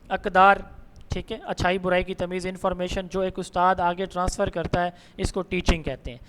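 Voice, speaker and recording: A man with a Punjabi Urdu accent giving an online exam-prep lecture, reading English slide headings slowly and explaining them in Urdu with religious phrases. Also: high voice. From Pakistan. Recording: long hall reverb with faint noise.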